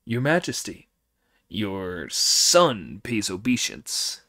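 A man voicing a young demon king who fawns on his father, lower and slower than his narration. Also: big pitch swings, bright, forceful tone, dry recording, clean studio sound, heavily acted. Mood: fawning. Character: young male demon king, fawning son.

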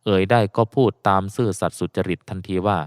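A man narrating an audiobook in a steady storytelling cadence, close to the mic. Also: deep voice, quick pace, smooth, dry recording.

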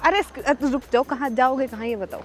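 Fast, high-voiced cheeky young woman. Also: soft background music.

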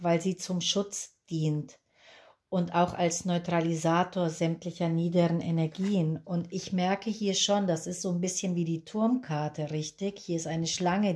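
A woman's voice: lowish voice, mellow. A woman in her fifties, born in Peru, giving a chatty, reassuring tarot reading at a candlelit table and repeating words for emphasis. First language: Spanish. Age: 50s. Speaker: tarot reader.

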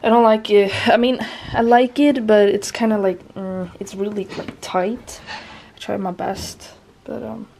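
A young woman chatting casually in a voice-over for her cleaning vlog, soft and hesitant, with many fillers. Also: mid-range voice, fairly even intonation, measured pace, gravelly, slight background noise. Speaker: vlogger.

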